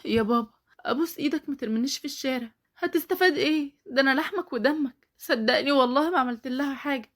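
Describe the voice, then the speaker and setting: Female reader doing a desperate young Egyptian daughter, quick and high-pitched, storybook reading. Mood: pleading. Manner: pleading, raised and strained.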